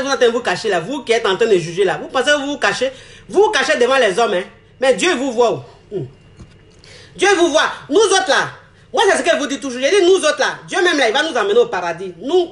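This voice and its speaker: A woman's voice: fairly high pitch, fairly bright tone. A woman, ranting emphatically to her viewers in a repetitive, mocking tone with frequent laughs. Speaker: vlogger. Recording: roomy echo.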